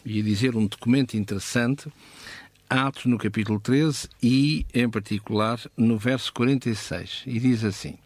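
Here a man with a European Portuguese accent explains scripture as a Bible teacher, halting and conversational, with pauses and frequent checks for understanding. His mid-range voice has a steady tone on a dry recording.

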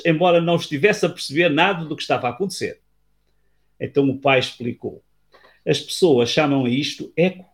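A man with a European Portuguese accent, calmly telling a story and drawing a spiritual lesson in a teaching tone. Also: a little high, creaky. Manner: calm, earnest, teaching tone. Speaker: guest speaker on spiritual life. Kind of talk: reflective storytelling talk.

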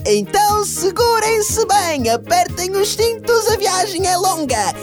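A performer voicing an excitable cartoon mascot who guides small children on trips, with a bright, squeaky, sing-song welcome and a European Portuguese accent. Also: takes it slowly, heavily acted. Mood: cheerful, welcoming. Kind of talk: children's radio travel segment. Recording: music behind the voice.

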